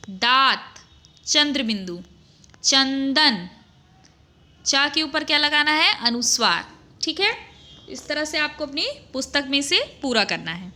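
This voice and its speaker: A woman's voice: high-pitched, sharp tone. A woman teaching Hindi to young children, drilling words syllable by syllable and asking her pupils questions. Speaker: primary school Hindi teacher. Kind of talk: slow, deliberate lesson for young children.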